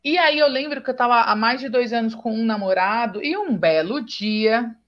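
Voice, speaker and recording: A woman's voice: a little high, normal speed. A Brazilian woman hosting a casual chat who tells stories animatedly and acts out quoted dialogue. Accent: Brazilian Portuguese. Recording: dull lo-fi sound.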